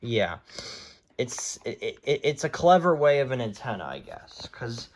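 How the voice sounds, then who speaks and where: Presenting his radio collection in a casual show-and-tell video, this hobbyist man talks off the cuff, rambling and quick to get exasperated. His mid-range voice is very animated yet unhurried.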